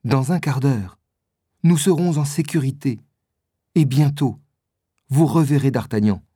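A reader voicing a scheming noblewoman in a storybook reading, who urges and commands and rises to sharp, alarmed cries. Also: mid-range voice, a little slow, breathy edge, no echo, clean studio sound. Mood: coaxing.

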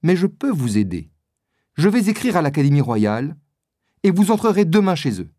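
A stern older captain gives orders in a measured, commanding tone, as a man reads him aloud. His delivery rises and falls with lively emphasis. The sound is dry and close. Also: on the high side, dry recording.

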